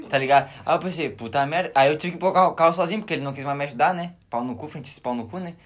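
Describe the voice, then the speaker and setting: The voice leans high and moves at a quick pace. It belongs to a young southern Brazilian man from Rio Grande do Sul who co-hosts a podcast, spinning a story in animated, slangy, casual conversation.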